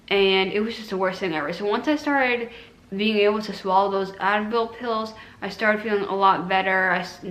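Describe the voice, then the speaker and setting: In an echoey room, a woman vlogger with a mid-range, slightly bright voice tells the camera about her surgery recovery. She keeps it conversational and informal, slipping in quoted asides as she recounts it.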